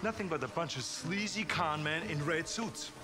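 A man's voice: on the high side, animated, moderate pace, lightly acted. Actor as an indignant middle-aged everyman, music behind. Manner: blunt, incredulous. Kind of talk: film comedy acting.

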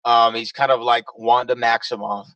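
A man's voice: medium pitch, flat delivery, moderate pace, bright, forceful tone, no echo, recorded from a distance, highs cut off. A man co-hosting a casual online show, upbeat and chatty as he brings guests in. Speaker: co-host. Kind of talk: casual podcast chat.

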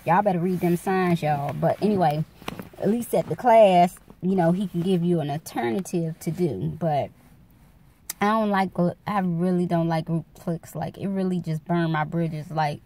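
A woman's voice: fairly low pitch, normal speed, warm tone, slight background noise. A woman in her forties talking candidly to her phone camera at night, rambling and calling her viewers y'all. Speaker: vlogger. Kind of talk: casual chat to camera. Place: dark room at night. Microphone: phone camera held close.

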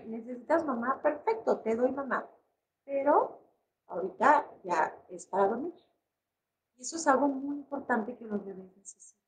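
A Mexican woman psychologist talks to parents in a live online session. Her voice sits fairly high. She speaks conversationally, with frequent fillers and restarts. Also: poor audio. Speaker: psychologist giving a parenting talk.

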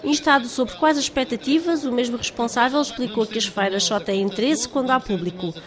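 A woman reporter reading a scripted news voice-over in an even, measured way. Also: fairly high pitch, a crowd in the background. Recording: voice-over with music bed.

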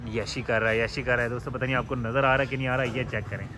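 A man's voice: medium pitch, steady tone, rapid-fire, background noise. Playful man filming his pets among chirping birds. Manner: chatty and playful, scolding and coaxing his animals. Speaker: pet and bird vlogger. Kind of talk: casual vlog narration talking to pets. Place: home yard with pet cages. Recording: outdoor recording with loud birdsong.

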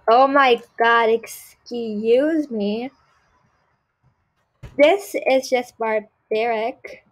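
A woman's voice: a little high, poor audio. Woman playing Tiffany Prada, a snobby rich girl. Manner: haughty, dismissive, full of "like" and "ew". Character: snobby spoiled rich girl, bossy and easily disgusted. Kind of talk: role-play skit voiced over gameplay.

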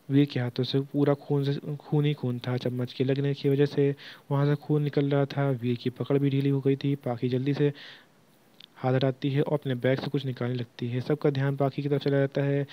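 A man narrates a serialized romance story, reading plainly and stopping now and then to correct himself. His pitch stays flat and even throughout. The recording sounds dull and lo-fi. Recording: dull lo-fi audio.

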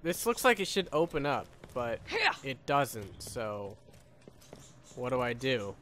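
Commentating live on a video game, a YouTuber mutters questions under his breath and swears mildly in a casual way. His medium-pitched, slightly bright voice is very animated yet slow. A little hiss or hum comes through, along with faint game sound behind him.

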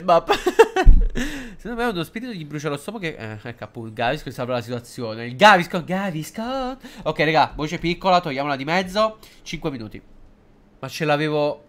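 A man giving casual, excitable and jokey live commentary while streaming a game, hesitant and halting whenever he switches into English. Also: on the high side. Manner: excitable and jokey, swings between loud outbursts and mumbling.

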